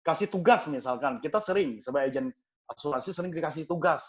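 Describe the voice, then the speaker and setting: A man giving a lively sales training talk to insurance agents, repeating words for emphasis and addressing his listeners as friends. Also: on the high side, fast, highs cut off.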